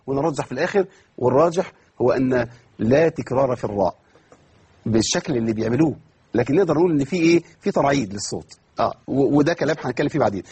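A man with an Egyptian accent teaches Quran recitation in an online lesson. His voice is very husky and sits a little high, and he talks at a fast clip. He keeps asking questions and answering them himself, and he stretches words out slowly to demonstrate. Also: darkish tone. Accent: Egyptian Arabic.

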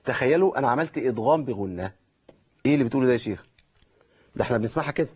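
A man's voice: medium pitch, expressive, racing, a little mellow, slightly rough, muffled recording. A man with an Egyptian accent hosting a call-in lesson on Quran recitation, explaining step by step and checking in with listeners. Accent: Egyptian Arabic. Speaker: Quran recitation teacher and host.

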